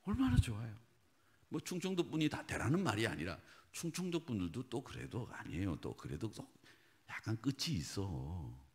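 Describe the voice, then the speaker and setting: A man preaching a sermon as pastor, animated and talking straight to his congregation, dropping at times to hushed asides. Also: on the low side, normal speed. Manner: animated, swings from loud exhortation to hushed whispered asides; talks directly to the congregation with questions. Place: church sanctuary.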